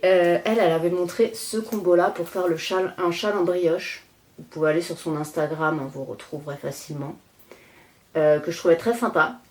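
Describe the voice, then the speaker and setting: Woman host, 30s, from France; low voice, easygoing rambling chat with fillers. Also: darkish tone. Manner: chatty, rambling, frequent "euh" fillers, self-deprecating laughs. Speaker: knitting podcast host. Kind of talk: casual chat.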